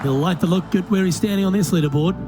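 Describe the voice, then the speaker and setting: A man calling golf shots as play-by-play commentator, measured and handing over to his colleagues. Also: high-pitched, over music, a crowd in the background. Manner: measured, calls each shot and hands over to colleagues. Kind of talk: sports commentary.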